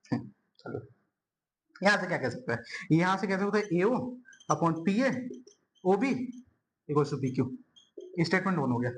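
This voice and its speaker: A man's voice: sits high, expressive, moderate pace, pauses often, slight background noise. A young man teaching a board-exam math lesson at a whiteboard, chatty and friendly, calling students bhai and yaar and repeating words as he draws.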